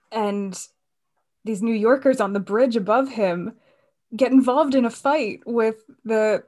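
A woman's voice: medium pitch, darkish tone. A woman in casual conversation about a film, chatty and loose, with many fillers and restarts.

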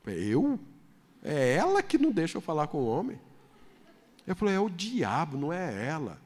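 A man pastor telling a personal story in a sermon, then building to loud, fervent preaching. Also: on the high side, wildly swooping pitch, moderate pace. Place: church hall. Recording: long hall reverb.

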